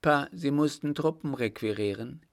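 A man's voice: mid-range voice, moderate pace, creaky, voice pushed up, lightly acted. A man voicing a stern, imperious emperor in an audiobook, snapping out short, clipped questions. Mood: curt, demanding. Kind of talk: audiobook character voice.

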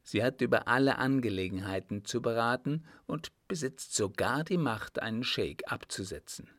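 A man's voice: mid-range voice, normal speed, a bit bright, dry recording, studio quality, lightly acted. A man voicing a dutiful tribesman who speaks seriously and steadily, holding firm. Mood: firm, earnest. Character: earnest, dutiful young tribesman, defiant but calm.

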